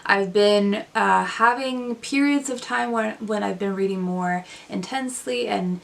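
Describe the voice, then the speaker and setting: Talking through her reading in a relaxed, reflective vlog, the young Swedish woman sounds unhurried and gravelly at a medium pitch, picked up by a distant mic. Frequent ums and self-corrections mark her speech, and she's indoors at home in front of bookshelves in a small room.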